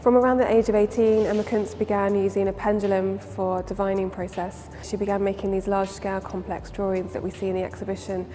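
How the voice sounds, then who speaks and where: A woman giving a measured, explanatory account in a documentary interview. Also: medium pitch, level tone, warm tone. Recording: long hall reverb, faint ambient noise.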